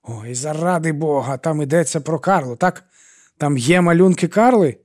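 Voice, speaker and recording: A man's voice: medium pitch, fast talker, a little mellow, dry recording, clean studio sound, voice pushed up, natural voice. A man voicing a big, angry man who barks accusations at an old woman. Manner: harsh, barking, accusing.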